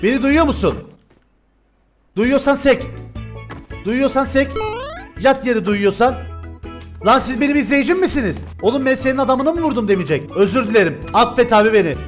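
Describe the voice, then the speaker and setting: A young man with a high voice talks over his own gameplay in a loud, joking, excitable way, often breaking into shouts. Faint music plays behind him. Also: quick pace. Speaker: gaming streamer. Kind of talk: live gameplay commentary.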